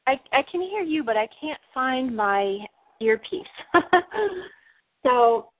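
A woman's voice: high-pitched, lively intonation, slow. A woman talking on speakerphone during a casual phone call, her voice breaking up in and out. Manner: breaks up in and out, arms full while talking. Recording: tinny dry phone line.

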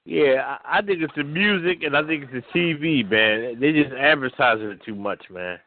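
A man's voice: mid-range voice, moderate pace. A man calling in to a radio show over the phone, chatting casually and repeating words as he starts his sentences. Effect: heard over a phone line. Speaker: radio call-in caller. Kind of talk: casual call-in chat. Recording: tinny phone line.

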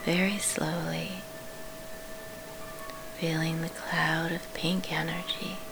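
A woman leading a guided sleep meditation in a soft, soothing whisper, pausing between short phrases. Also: lowish voice, gravelly, background noise.

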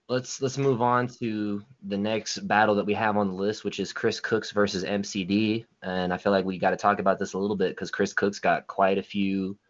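A man's voice: lowish voice, fairly bright tone, lo-fi sound. A man hosting a casual online show, talking loosely and cursing while he manages the call. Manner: loose, profane, moderating. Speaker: host.

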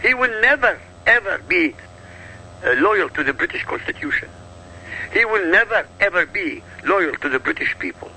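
This is a man from Iraq holding forth as a talk show guest. He is emphatic and insistent and throws out rhetorical questions. His voice is sharp and forceful, fairly high, and swings across a wide range. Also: animated, normal speed, slight background noise, poor audio. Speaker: guest commentator. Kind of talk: heated political talk.

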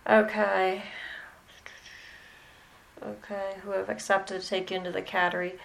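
Lady with a gravelly voice, slow halting mentoring talk, lots of okays. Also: medium pitch, little pitch movement, rough recording. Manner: slow, hesitant, pausing with many "okay"s. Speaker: animal communication mentor. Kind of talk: mentoring session.

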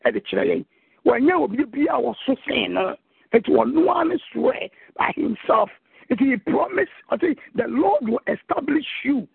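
A man's voice: very high-pitched, gravelly, breathy edge, dry recording. A man with a Ghanaian accent preaching a sermon that moves between his local language and English, quoting scripture. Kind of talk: sermon mixing Twi and English. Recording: tinny phone line.

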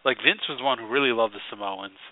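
A man's voice: mid-range voice, fast. A man co-hosting a wrestling podcast, chatting casually and rambling. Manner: rambling, heavy on "like" fillers. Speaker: podcast co-host. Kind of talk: casual chat. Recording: tinny phone-like dry sound.

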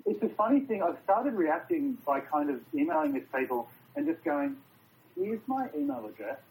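Casual Australian man, a touch high. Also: sing-song, moderate pace, darkish tone, poor audio. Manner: loose and rambling, swears freely. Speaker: film writer and director, guest. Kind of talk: casual interview chat.

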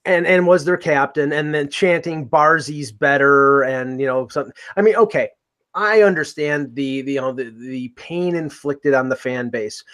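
A man's voice: on the high side, moderate pace. A man hosting a casual sports podcast, talking in a rambling way with many restarts and fillers. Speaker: podcast host.

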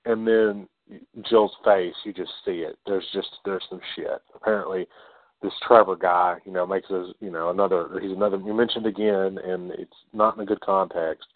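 Casual podcast co-host, low-ish male voice, rambling recap, dry thin phone-quality audio. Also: steady tone, normal speed, no echo. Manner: rambling retelling with many fillers and quoted lines. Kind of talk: casual movie recap chat. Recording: dry tinny phone-like sound.

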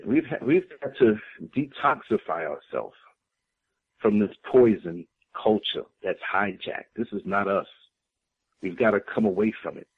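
A man's voice: on the low side, slightly rough. A man from the United States, a guest on a talk show, speaking in an impassioned, preacherly way and repeating phrases for emphasis. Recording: tinny phone-line sound.

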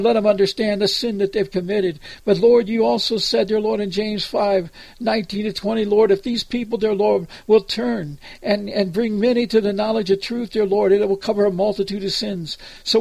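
An American preacher prays extemporaneously, earnest and imploring, turning to God repeatedly. He speaks high but with a darkish tone and vocal fry, and there is no echo.

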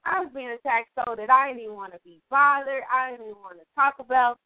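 A woman's voice: high voice, quick pace. A woman on a speakerphone over a phone line, chatting casually on a prayer call and laughing easily.

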